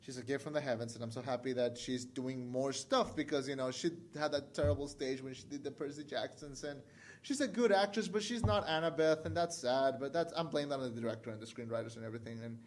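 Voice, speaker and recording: A man's voice: mid-range voice, quick pace, slight background noise. A young man co-hosting a casual film podcast, talking in a rambling, crude way with lots of fillers and restarts. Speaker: podcast co-host.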